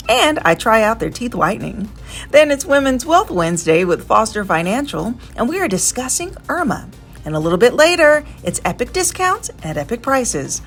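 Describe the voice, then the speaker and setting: A woman's voice: on the high side, a bit bright. Upbeat woman hosting a talk show. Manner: upbeat, encouraging, frequent affirming murmurs. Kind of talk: lifestyle TV hosting. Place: dental office.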